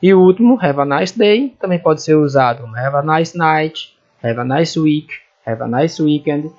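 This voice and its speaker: A man with a Brazilian Portuguese accent teaching an English lesson, explaining slowly and repeating phrases as he checks that the students follow. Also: a little high, expressive, darkish tone, dull audio. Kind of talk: recorded classroom lesson.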